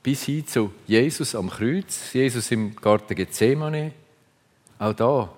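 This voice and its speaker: A man's voice: mid-range voice, slow, a little mellow. A man preaching a sermon, earnest and reflective, speaking in short phrases. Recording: long reverb of a large hall.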